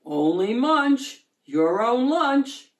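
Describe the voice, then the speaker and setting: A woman voicing a loud, exuberant young boy shark in a children's storybook, with a drawn-out, enthusiastic delivery. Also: fairly high pitch, big pitch swings, echoey room, far from the mic, pitched above the performer's own voice, exaggerated voice. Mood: pleased, determined.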